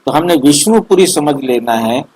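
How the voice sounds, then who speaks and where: A middle-aged man slowly explaining a spiritual text line by line as study leader, repeating and restating his points in an online meeting. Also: fairly high pitch, expressive, a little mellow, low-quality recording. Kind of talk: slow line-by-line scripture explanation. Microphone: online video meeting.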